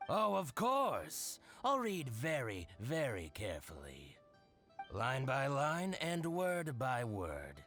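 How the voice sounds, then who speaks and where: A man's voice: mid-range voice, huge pitch swings, slow pace, a bit bright, soft background music, heavily acted. An actor voicing a scheming, jealous male shopkeeper in a game, talking in a sly, theatrical way and chuckling often. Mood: gloating. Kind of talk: game voice acting.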